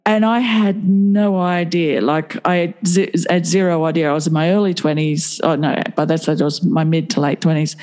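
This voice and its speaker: A woman's voice: deep voice, steady tone, normal speed, few pauses, a little mellow. A middle-aged woman with an Australian accent, chatting casually and reflectively, feeling her way through phrases. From Sydney, Australia. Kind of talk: casual conversation.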